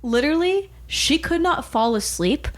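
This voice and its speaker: A woman's voice: high-pitched, lively intonation, moderate pace. A young woman co-hosting a podcast, chatting casually and animatedly with many filler words. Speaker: podcast co-host. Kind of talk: casual chat.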